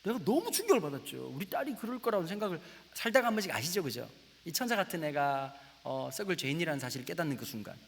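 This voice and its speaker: A man in his forties preaching a sermon, telling a family story with lively acted-out dialogue and sudden drops to a whisper. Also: on the high side, fast, gravelly. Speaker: pastor. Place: church sanctuary. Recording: echoey church hall with faint hiss.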